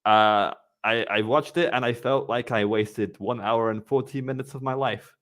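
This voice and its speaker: A man's voice: medium pitch, fairly bright tone. A man hosting a casual live-streamed podcast, rambling with frequent restarts. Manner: rambling, with many restarts and quick laughs. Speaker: podcast host.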